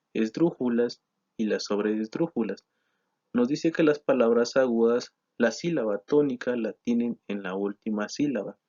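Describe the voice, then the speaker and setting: A man walks through a grammar lesson, reading from slides. His voice sits at a middle pitch. He keeps a steady explanatory pace, filling pauses with "eh" and correcting himself. The recording sounds slightly dull and lo-fi. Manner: steady explanatory delivery with frequent "eh" and self-corrections. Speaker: teacher presenting a grammar lesson.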